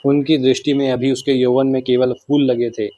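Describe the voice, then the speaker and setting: A man reading a classic novel aloud as narrator, with steady, measured storytelling. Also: mid-range voice, no room sound, dull audio.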